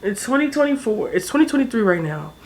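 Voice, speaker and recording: Fast, fairly high and full of big pitch swings, this woman's voice comes with a little hiss or hum. A twenty-something vlogger with a South Jersey accent, she is teary and exhausted, venting her troubles to the camera bluntly and with lots of profanity.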